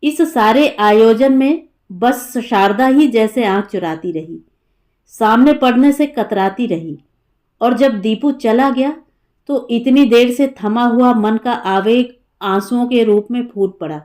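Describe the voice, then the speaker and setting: A woman narrating an audiobook story in a measured, expressive way. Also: on the high side. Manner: slow and measured.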